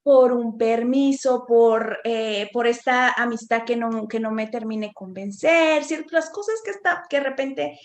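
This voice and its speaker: A woman's voice: a little high, a little slow, few pauses. A woman, a psychotherapist giving an informal talk to parents, conversational, often checking in with tag questions. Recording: echoey room.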